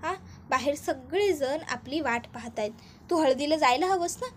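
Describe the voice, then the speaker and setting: A woman voicing a calm male police officer who soothes and reassures his wife. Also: high-pitched, moderate pace, slight background noise, lightly acted. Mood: soothing. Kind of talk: retelling TV serial dialogue.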